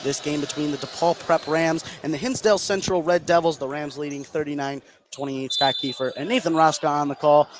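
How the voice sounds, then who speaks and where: With a steady tone and a brisk delivery that leaves few pauses, an American man with a highish voice provides live basketball play-by-play. A noisy gym is clearly audible in the background.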